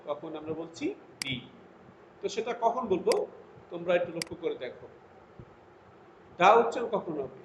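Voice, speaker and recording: A man teaching an English grammar lesson to students, reading his English example sentences out slowly and deliberately between his explanations. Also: sits high. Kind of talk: recorded classroom lesson. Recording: lo-fi echoey room with faint noise.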